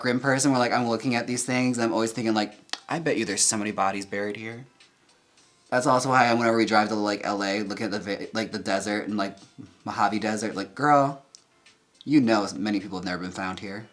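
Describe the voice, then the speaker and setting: A young man chatting casually with viewers while getting ready, campy and quick to laugh. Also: fairly low pitch, fairly bright tone. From United States. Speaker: drag performer and channel host. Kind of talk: casual chat while reading viewer comments.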